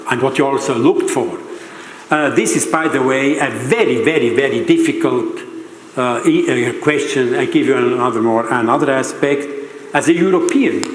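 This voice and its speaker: An older man from Switzerland, giving a conference lecture in a halting, questioning way. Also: mid-range voice. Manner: halting, searching for words, rhetorical questions. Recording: roomy hall reverb, faint background noise.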